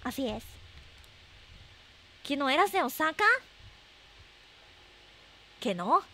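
A woman's voice: sing-song, slow, a bit bright. A woman livestreamer with an anime-like voice, chatting casually and playfully with viewers, often exclaiming and repeating herself. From Japan. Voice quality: very high anime-like voice.

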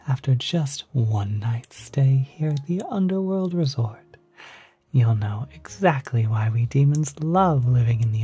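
In an ASMR roleplay, a performer voices a breathy, polite demon receptionist who welcomes a guest with soft, salesmanlike reassurance. The medium-pitched, exaggerated delivery is slow and mellow, gently reassuring but faintly insidious beneath the courtesy, with music underneath.

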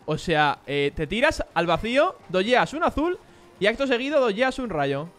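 A young man commentating his own kart race, joking and swinging mumbled asides to loud yelps. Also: high-pitched, very animated, moderate pace. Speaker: gaming streamer. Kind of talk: excited live gameplay commentary.

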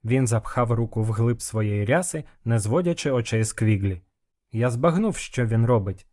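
A man narrating a fantasy audiobook in the first person, with even, measured storytelling. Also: medium pitch.

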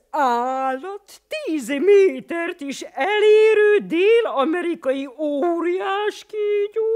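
A woman's voice: extremely high pitch, darkish tone, pitched above the performer's own voice. A woman voicing an eager, boastful male fairy-tale creature who reads aloud triumphantly in a children's audiobook.

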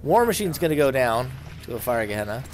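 A man commentating a video game tournament, calling the action play by play with brisk, excited energy. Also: medium pitch, noisy background.

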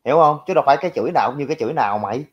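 In rapid-fire bursts, a young man with a Southern Vietnamese accent rants at viewer comments on his livestream. His medium-pitched voice is animated with a breathy edge, and he's crude, brash and mocking toward critics. The sound is lo-fi and dull.

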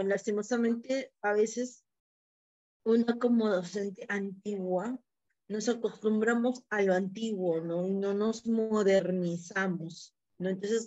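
A woman's voice: mid-range voice, a little mellow, lo-fi sound. A woman instructor with a Peruvian Spanish accent, giving advice in an online class and ending points with "¿no?". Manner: advising, tag questions "¿no?". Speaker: college instructor.

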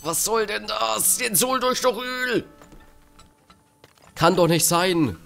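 A man's voice: high-pitched, expressive, slow pace, vocal fry, fairly bright tone, soft background music. A man doing gaming commentary as an angry, exasperated, swearing rant. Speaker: let's player.

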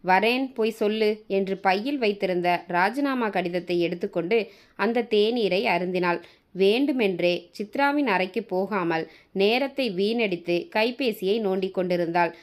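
A woman with a Tamil accent narrates a short story in a steady, even reading voice. Her pitch sits in the middle range. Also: normal speed.

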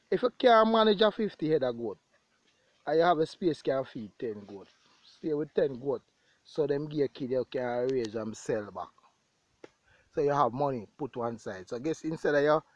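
A Jamaican-accented man vlogs as a farmer out in an open grassy pasture, talking casually to his viewers and repeating phrases for emphasis. His voice is medium in pitch, and the recording is dry.

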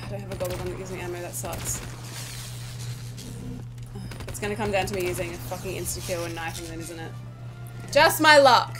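A woman giving casual commentary over her own gameplay, nervous, swearing and pleading with the game. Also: lowish voice. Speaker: gaming YouTuber.

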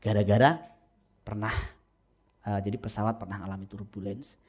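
A middle-aged man, a pastor, preaching a humorous sermon in a church, telling stories with lively acted-out quotes. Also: on the low side, moderate pace, husky. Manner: animated storytelling with acted-out quotes. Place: church sanctuary.

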